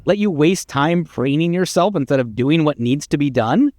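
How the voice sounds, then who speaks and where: With a slightly high, a little mellow voice at a moderate pace, close to how he'd normally speak, a man voices a video game's narrator guiding the hero. The character is pompous, exasperated and condescending, articulate and dryly sardonic. There's no echo.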